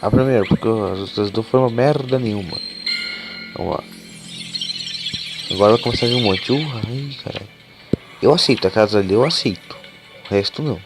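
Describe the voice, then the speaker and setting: A gaming YouTuber with a hoarse, cold-roughened voice of fairly low pitch talks a little fast but pauses often while opening card packs. He's casual and foul-mouthed, getting excited as cards appear, with game music playing behind.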